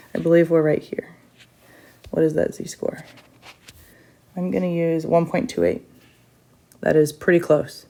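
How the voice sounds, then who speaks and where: A woman's voice: on the low side, mellow. A woman teacher recording a step-by-step math lesson for her students, chatty, with frequent fillers.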